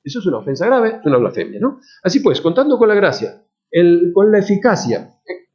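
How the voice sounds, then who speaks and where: A man's voice: high-pitched, sing-song, a little fast, a little mellow. A male priest giving a conversational moral lecture to a congregation, restarting phrases and adding tag questions. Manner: conversational, many restarts and tag questions, emphatic on key words. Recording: dull lo-fi lecture recording.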